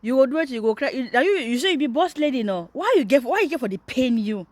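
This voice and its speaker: A woman's voice: sits high, expressive, fast talker, no echo. Teasing Nigerian woman vlogger, dry sound. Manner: teasing, mocking. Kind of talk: casual commentary in Pidgin.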